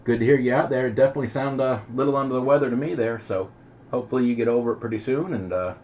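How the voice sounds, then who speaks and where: Speaking at a racing clip in a medium-pitched, darkish voice, this middle-aged CB radio host keeps things easygoing and folksy from a home base station, though the signal sounds muffled and noisy.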